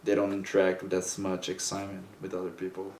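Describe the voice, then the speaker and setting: A man's voice: low voice, completely flat delivery, fast talker, a little mellow. A young man, an international student, telling easygoing anecdotes in an interview, recorded from a distance. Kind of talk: interview testimony. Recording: roomy, from a distance.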